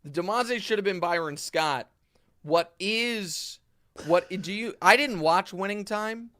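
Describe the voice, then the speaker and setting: A man hosting a casual sports talk show, emphatic and animated, often restarting his sentences. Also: high-pitched, takes it slowly, no echo, studio quality. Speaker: host.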